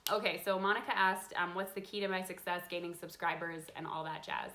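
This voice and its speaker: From a window-lit home craft room with a desk, a craft channel host in her thirties runs a relaxed live Q&A about card making. Her voice sits on the low side and moves a little fast as she reads viewer questions, with frequent ums in between.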